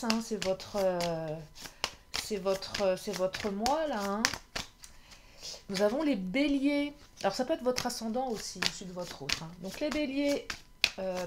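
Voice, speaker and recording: A woman's voice: on the high side, heavy background noise. A woman doing a casual card reading to camera. She is chatty, hesitates with many fillers and laughs at herself. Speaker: tarot card reader.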